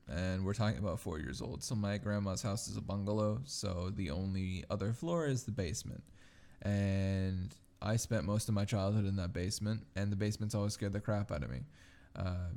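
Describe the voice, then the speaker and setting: A man chatting casually as a podcast co-host, telling rambling, animated stories peppered with swearing. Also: on the low side. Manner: swears freely. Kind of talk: casual chat and storytelling.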